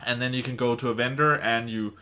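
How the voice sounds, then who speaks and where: A man's voice: medium pitch, fairly even intonation, pushed and bright. A man hosting a casual chat about a video game, explaining how it works at length. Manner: explains game tips at length, quick asides.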